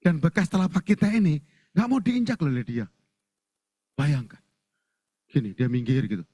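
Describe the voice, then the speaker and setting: An Indonesian-accented male pastor preaches with lively storytelling, jumping up in pitch to act out the characters he quotes. His voice sits fairly high for a man. The sound is dry and close, with little room echo. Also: normal speed, slightly rough. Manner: animated storytelling, acting out quoted people with pitch jumps and laughter. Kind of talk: sermon. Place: church sanctuary.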